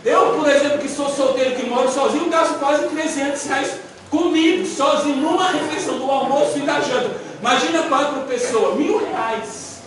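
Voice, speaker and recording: A man preaching a sermon as a missionary, animated and storytelling, acting out voices from Bible stories. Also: very high-pitched, moderate pace. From Brazil. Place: church hall. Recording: echoey church hall, mic far off, audible noise.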